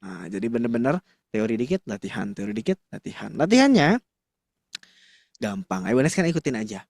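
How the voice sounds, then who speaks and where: A man teaching Quran reading in an online class, demonstrating mouth shapes and chanting syllables in a casual, lively way. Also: fairly low pitch, brisk, creaky, no room sound, clean studio sound. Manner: addresses the mothers in class warmly and casually.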